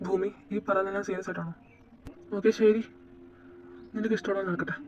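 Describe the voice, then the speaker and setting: A man voicing a heartbroken, gentle young man in an amateur audio drama. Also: high voice, fairly even intonation, brisk, dull audio. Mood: resigned. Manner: soft, resigned.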